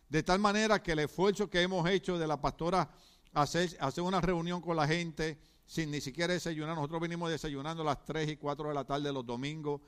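A middle-aged man preaching a sermon in church, animated, often asking the congregation questions. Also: fairly high pitch, smooth. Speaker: pastor.

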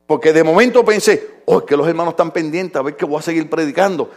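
Animated gravelly-voiced male preacher. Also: fairly high pitch. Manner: animated preaching with humor, shifting from loud to quiet. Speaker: pastor. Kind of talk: sermon.

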